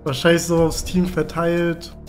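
High-voiced young man chatting over gaming. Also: monotone, unhurried, a little hiss or hum. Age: young adult. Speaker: guest gamer, opponent in the match. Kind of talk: casual gaming chat. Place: living room with large windows.

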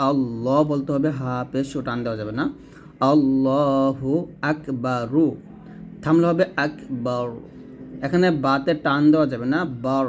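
A man at a medium pitch explains, step by step, how each word of the prayer should sound. He slows down and stretches syllables to demonstrate, then corrects common mistakes and speaks straight to the listener. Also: darkish tone. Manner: explains slowly, drawing out words to demonstrate pronunciation; repeats and corrects, addressing the listener directly. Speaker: teacher of prayer recitation. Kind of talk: instructional explanation.

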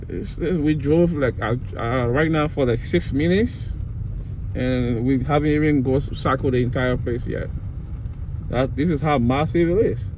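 Man narrating from a car. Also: mid-range voice. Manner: repetitive, emphatic, halting with restarts. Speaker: vlogger touring a site. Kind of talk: casual narration while driving. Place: in a car, outdoors in open land. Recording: outdoor recording with clear car noise.

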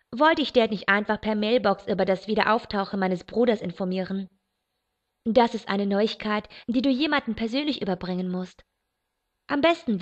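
A woman reading a novel aloud in first person, steady and expressive. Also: a little high. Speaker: audiobook reader. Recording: dull lo-fi recording.

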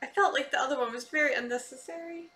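A woman's voice: sits high, fast talker, sharp tone. A woman on a living room couch reacting casually to a horror film, squeamish and exclaiming.

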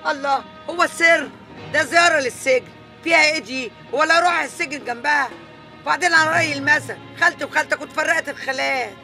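An actress playing a nosy working-class sister with an Egyptian accent, wheedling and exclaiming. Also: female voice, high-pitched, fast talker, pushed and bright, faint music behind. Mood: pleading.

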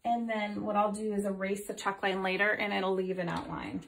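Working on a painting at home, a middle-aged woman who teaches art chats through a casual tutorial, full of ums. Her medium-pitched voice is flat and a bit bright, with vocal fry and normal speed, and sounds slightly off from a recent illness. Recorded off-mic by an overhead phone camera to her side, the echoey room also carries a little hiss or hum.

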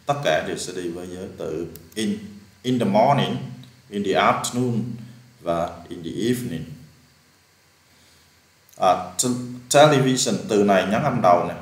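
A lowish-voiced man with a Vietnamese accent explains English grammar exercises one by one, patient and methodical, repeating key words. His voice rings in a roomy, echoing space. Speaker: English teacher.

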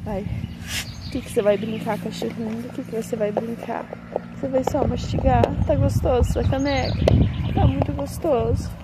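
A woman's voice: fairly high pitch, fairly even intonation, moderate pace, heavy background noise. A woman filming her dogs on a phone, talking to them in coaxing, sing-song baby talk. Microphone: phone camera.

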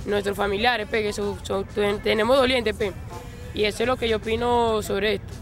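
Halting young woman, flat voice. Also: mid-range voice, over music. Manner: halting, hesitant. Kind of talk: street interview. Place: city street outdoors. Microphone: handheld reporter mic.

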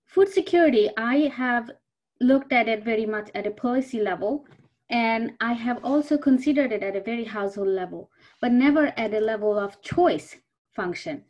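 A woman's voice: a little high, expressive, normal speed, a little mellow, dull audio. Earnest woman from Bangladesh on a call. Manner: earnest, personal storytelling. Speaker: panelist, food security researcher. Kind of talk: online panel talk. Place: indoors before a virtual backdrop. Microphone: video call.

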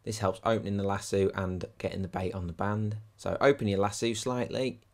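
Outdoors by a lake on a windy day, an angler who hosts a channel demonstrates fishing rigs in a practical, chatty how-to. His lowish, a little mellow voice is brisk, with fairly even intonation and vocal fry, and there's no room sound.

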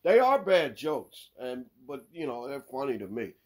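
A man's voice: mid-range voice, moderate pace. A man hosting a sports podcast, telling corny jokes in a casual way and laughing at his own punchlines. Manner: lively, swings between loud and mumbled. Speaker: podcast host.

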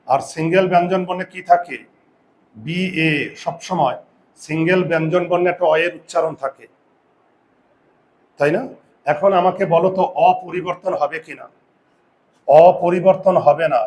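A man teaches a class, firing questions at his students. He drags out sounds slowly to demonstrate them. His voice sits a little higher than most men's. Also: a little mellow. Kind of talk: classroom lesson.

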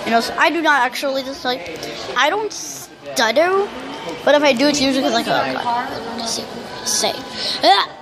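A youngster who can't pronounce R's, saying w instead, rambling loudly through casual gameplay commentary. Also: high-pitched, moderate pace, pauses often, a crowd in the background. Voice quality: speech impediment, cannot say R's correctly, says w for r. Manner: rambling, self-described loud talker. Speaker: YouTuber.

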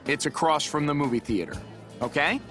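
A man voicing a responsible group leader in a scripted textbook dialogue, speaking slowly and clearly. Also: a little high, animated, sharp tone, soft background music. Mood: commanding. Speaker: recorded dialogue voice.

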